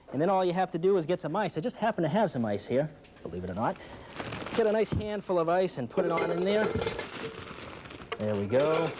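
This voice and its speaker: A man presenting weather live on TV with informal, folksy, chatty patter. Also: on the high side. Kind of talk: live folksy demonstration and forecast. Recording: faint background noise.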